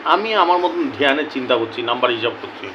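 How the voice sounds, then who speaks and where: A young man telling viewers a story in a casual, animated way, acting out both sides of a conversation. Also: medium pitch, fast talker, highs cut off, a little hiss or hum. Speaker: lottery tips YouTuber.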